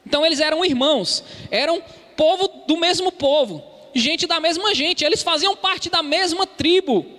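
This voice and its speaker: High-voiced Brazilian preacher in echoing hall. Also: male voice, moderate pace, sharp tone. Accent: Brazilian Portuguese. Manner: earnest preaching, addresses listeners as brothers. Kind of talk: expository sermon. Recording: long hall reverb.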